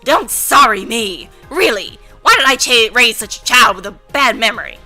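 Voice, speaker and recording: A woman voicing a hot-tempered, foul-mouthed old grandmother who scolds loudly, in an amateur visual novel voice-over. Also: fairly high pitch, animated, moderate pace, soft background music, heavily acted. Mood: furious. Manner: loud, shouting, gruff scolding.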